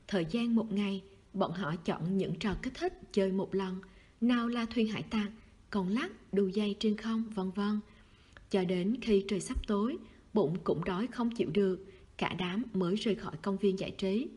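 Husky woman narrating a novel. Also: mid-range voice, warm tone. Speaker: audiobook narrator.

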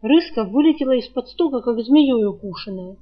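A woman narrates an audiobook in an even storytelling manner. Her voice sits a little high, and the recording sounds dull and lo-fi. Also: fairly quick, breathy edge. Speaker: audiobook reader. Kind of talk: scripted narration.

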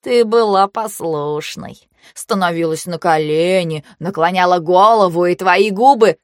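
A woman voicing a mocking, panicky young nobleman who swings from sneers to shrill outbursts, in a storybook reading. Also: a little slow, darkish tone, no echo, studio quality, natural voice. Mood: leering.

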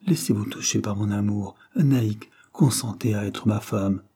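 A man's voice: on the low side, moderate pace, warm tone, husky. A man reading aloud, voicing a jealous, passionate young man who pleads insistently. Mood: ardent.

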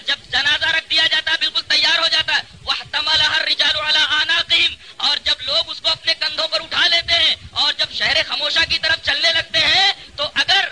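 High bright-voiced male preacher. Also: a little hiss or hum, low-quality recording. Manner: argumentative, full of rhetorical questions; mocks an opposing cleric. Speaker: Islamic preacher. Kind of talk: religious lecture.

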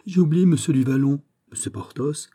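A man's voice: a little high, moderate pace, mellow, breathy edge, voice pushed up. A man voicing a distraught, impulsive young nobleman who fires off agitated questions.

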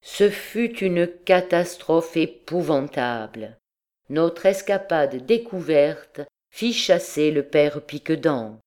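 Woman, audiobook narrator, unhurried, lowish voice, steady reading. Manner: measured, steady storytelling. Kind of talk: scripted narration.

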